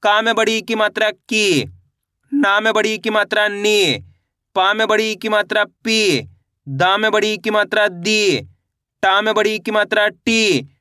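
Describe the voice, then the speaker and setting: A man's voice: sits high, fairly even intonation, unhurried, pushed and bright, smooth, dry recording, studio quality. A young man teaching an online Hindi reading lesson, asking questions and answering them himself, stretching out the vowels.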